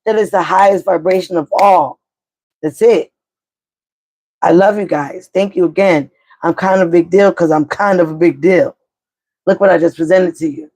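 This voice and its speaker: A woman's voice: fairly low pitch, normal speed, long pauses, a little mellow. A middle-aged woman giving a live tarot reading, talking straight to viewers in a blunt pep-talk way and swearing casually. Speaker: tarot reader.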